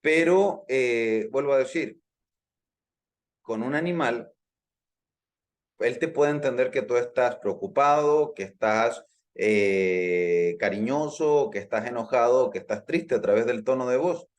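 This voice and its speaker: A man's voice: medium pitch, expressive, a little slow. A man teaching a live online hypnosis class, explaining at length, repeating his points and checking in with his listeners. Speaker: hypnosis instructor.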